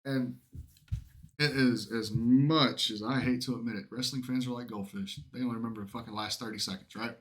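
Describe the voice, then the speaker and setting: A man's voice: medium pitch, steady tone, a little fast. A man chatting casually as a podcast co-host, blunt and opinionated, with plenty of profanity.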